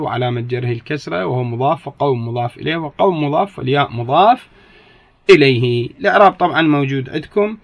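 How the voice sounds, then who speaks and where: A man teaching a grammar lesson, slowly repeating his examples and often correcting himself mid-sentence. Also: mid-range voice, creaky, dry recording. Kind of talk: classroom lecture.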